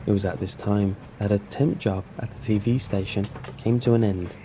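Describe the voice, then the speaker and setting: A man narrating a scripted first-person story in a measured, serious way. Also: on the low side, steady tone, mellow, slight background noise.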